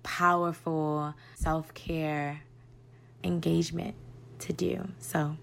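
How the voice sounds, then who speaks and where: A woman's voice: low-pitched, flat delivery, slow pace, creaky, slight background noise. A woman in her thirties recording a heartfelt voice note as a podcast listener, talking reflectively about her own healing. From United States. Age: 30s. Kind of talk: voice note message.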